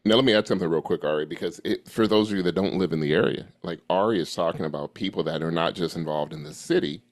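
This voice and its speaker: A man hosting a podcast, cutting in with quick, chatty asides. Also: sits low, no echo. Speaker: podcast host. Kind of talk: casual chat.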